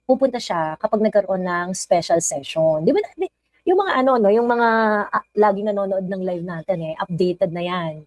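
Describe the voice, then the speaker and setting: A woman's voice: medium pitch, a little mellow, dry recording, low-quality recording. Chatty Filipino woman livestream host. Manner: chatty, code-switching, reads viewer comments aloud. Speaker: live stream host. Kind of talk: casual live chat greeting viewers.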